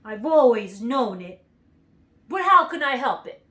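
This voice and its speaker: A great cowardly lion, timid and sheepish, sounding surprised by everything, with a high and very lively voice. A woman reads him in a children's storybook. He comes across as meek, not fierce. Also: measured pace. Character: big cowardly male lion, timid and ashamed.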